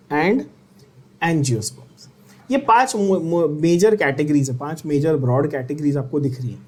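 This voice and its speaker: A man's voice: a little high, a little mellow. A man teaching biology for an exam, asking questions and having students repeat terms. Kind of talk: exam-prep lecture.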